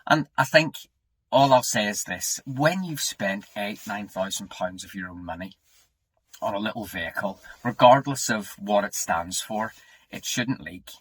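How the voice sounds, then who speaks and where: A British man in his forties talks casually to camera in a slightly low voice with a husky edge. He rambles and grumbles mildly, like an ordinary owner sharing his experience. The sound is fairly dry and close. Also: expressive, measured pace, a bit bright, no room sound. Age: 40s. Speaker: car owner making a review video. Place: echoey indoor space.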